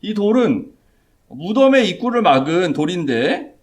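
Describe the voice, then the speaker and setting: Male pastor, sermon, very lively intonation, acts out quotes, church. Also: high-pitched, unhurried. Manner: animated preaching, acts out quotes. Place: church sanctuary.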